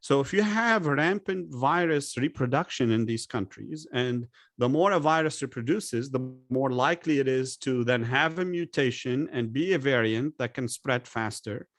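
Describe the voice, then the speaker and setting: A man's voice: medium pitch, normal speed, few pauses, fairly bright tone, no room sound, studio quality. A man from Lebanon speaking as a guest expert in an interview, making emphatic points and posing rhetorical questions. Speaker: guest expert on public health. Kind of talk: conversational interview.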